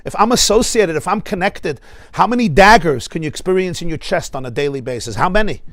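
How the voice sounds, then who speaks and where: A middle-aged American rabbi gives an animated class, his voice sitting high for a man. He laughs often and throws questions to his listeners. The sound is dry and close, with no room echo. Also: brisk. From United States. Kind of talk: lively spoken class. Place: synagogue study hall.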